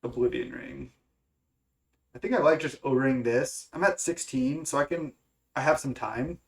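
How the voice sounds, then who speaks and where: At a normal speed, a young male gaming content creator with a gravelly, mid-range, congested voice talks casually through his card game options. He thinks aloud hesitantly, with lots of fillers and restarts.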